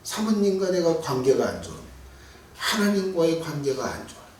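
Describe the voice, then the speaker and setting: A middle-aged male pastor preaching a Sunday evening sermon in a church sanctuary. His delivery is emphatic: he swells to near-shouts, then drops to hushed asides. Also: fairly high pitch, big pitch swings, a little fast, slight background noise. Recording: echoey hall from far off.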